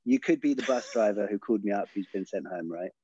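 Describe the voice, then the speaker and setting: Husky fast-talking man, dull sound. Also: fairly low pitch, warm tone, dry recording. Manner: halting, restarts often. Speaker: panelist. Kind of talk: casual chat.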